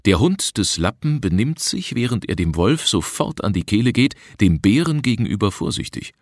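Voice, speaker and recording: A man reading an adventure story aloud as narrator, in an even, measured storytelling manner. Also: on the low side, no echo, studio quality. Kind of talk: audiobook reading of a travel adventure.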